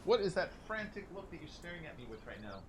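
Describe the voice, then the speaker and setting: A man's voice: on the high side, very animated, quick pace. A man chats while he plays a game, wandering off into jokes and laughing at himself. His voice rises and falls all over the place. A faint hiss runs underneath. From United States. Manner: rambling, jokey, laughs often. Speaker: streamer. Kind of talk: casual chat while gaming.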